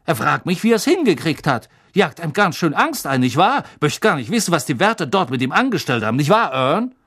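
An audiobook reader voicing an excitable, gossipy young male bus conductor who tells a story dramatically and keeps asking for agreement. The reader pushes the voice up and gives it extra force. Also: medium pitch, fairly quick, husky, voice pushed up, full character voice. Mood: gossipy, dramatic. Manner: dramatic, chattering, eager for agreement. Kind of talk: audiobook character voice.

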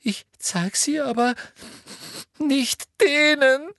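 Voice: sits high, extremely slow, a bit bright, dry recording, studio quality, voice pushed up, heavily acted. A reader voicing a teenage schoolgirl in an audiobook, who sobs, whines and stammers. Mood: sobbing. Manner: sobbing, stammering and whiny. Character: sobbing, whining teenage schoolgirl. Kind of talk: audiobook character voice.

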